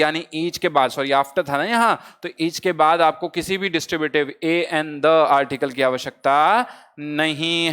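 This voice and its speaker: Man, high smooth voice, grammar teacher, asks and answers his own questions, teasing. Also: a bit bright. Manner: asks the class a question, then answers it himself; calls listeners brother and friends. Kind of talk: exam-prep grammar lesson.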